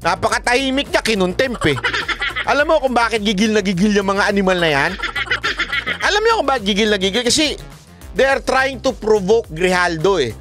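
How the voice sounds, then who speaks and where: A man's voice: high voice, animated, a little fast, a bit bright. A man giving sarcastic, mocking political commentary in a casual vlog, often laughing and asking his viewers questions, with music playing underneath.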